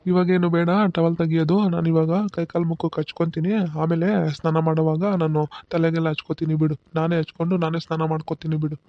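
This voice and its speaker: A man voicing an old village grandfather in a cartoon, who talks in a relaxed way and waves off help. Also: on the high side, fast, few pauses, no echo, lo-fi sound, lightly acted. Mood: easygoing. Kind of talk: cartoon voice acting.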